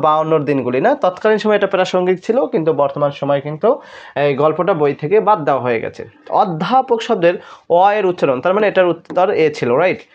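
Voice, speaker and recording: A man's voice: high voice, a little mellow, dull audio. A man with a Bangladeshi Bengali accent working through admission exam questions as a tutor, explaining each answer and checking understanding with rhetorical questions. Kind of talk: exam solution lesson.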